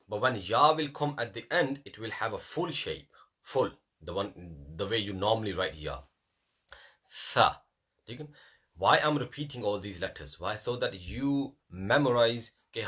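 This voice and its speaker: A man leads a classroom Qur'an lesson. His voice sits low and sounds husky, yet it carries a bright, forceful edge. He repeats letters over and over, slipping in Urdu asides. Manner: repetitive, drills letters aloud, mixes in Urdu phrases. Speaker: Qur'an teacher.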